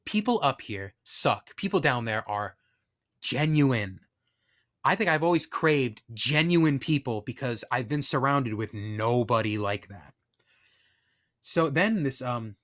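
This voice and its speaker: A young man with an ordinary mid-range voice tells a personal story in a loose, casual way. He is candid and quick to poke fun at himself, drifting into side comments as he goes. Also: mid-range voice, a bit bright. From Northeastern US. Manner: candid, self-deprecating, rambling with asides. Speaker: podcast storyteller.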